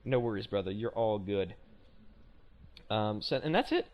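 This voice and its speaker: A man's voice: lowish voice, expressive, moderate pace, highs cut off. A man hosting a casual podcast, rambling and self-correcting with a joking tone. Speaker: podcast host.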